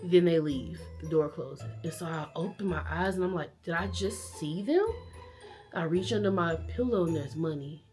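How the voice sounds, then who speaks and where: A woman vlogger casually telling a childhood story to camera, animated and acting out family members' lines. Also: on the low side, normal speed, faint music behind.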